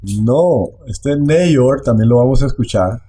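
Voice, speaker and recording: A man teaching a language online, explaining slowly and repeating phrases. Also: medium pitch, lively intonation, warm tone.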